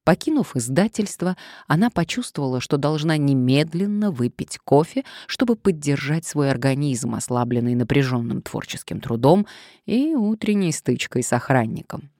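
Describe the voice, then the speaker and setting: Low-voiced woman narrating an audiobook. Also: moderate pace, no room sound, clean studio sound. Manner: expressive, lively reading.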